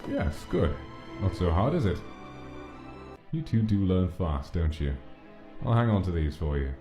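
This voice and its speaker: A man playing a deep, gentle, fatherly British king. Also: big pitch swings, unhurried, highs cut off. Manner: patient, gentle, coaxing. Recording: roomy echo, music underneath.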